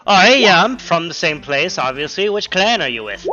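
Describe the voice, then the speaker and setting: A man voicing a dwarven woman worker in a tabletop game, going for a gruff but feminine voice without much confidence. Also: on the high side, sing-song, normal speed, highs cut off, noisy background, voice pushed up. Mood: suspicious. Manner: uncertain put-on gruff voice.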